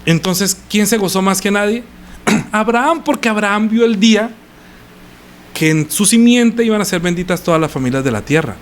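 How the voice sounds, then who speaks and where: A man's voice: high voice, moderate pace. A middle-aged man preaching a sermon in a conversational style, often asking the congregation rhetorical questions. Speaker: pastor. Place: church.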